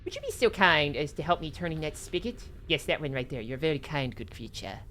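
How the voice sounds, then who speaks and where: High, eager little talking rat. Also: male voice, very animated, fast talker, bright, forceful tone, a little hiss or hum. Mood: grateful, eager. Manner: eager, polite, babbling. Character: big friendly talking rat, small childlike eager voice. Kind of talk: tabletop role-play.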